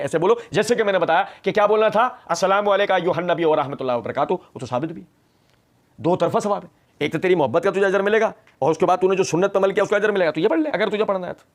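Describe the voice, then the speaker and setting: Animated sarcastic male religious lecturer. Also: fairly high pitch. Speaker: religious scholar.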